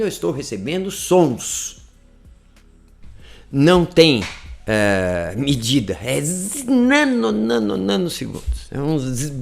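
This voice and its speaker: Lively gravelly-voiced man teaching. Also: a little high. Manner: playful, lively, often drops to a soft intimate voice. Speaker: English teacher. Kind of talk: online lesson talk. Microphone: close to the microphone.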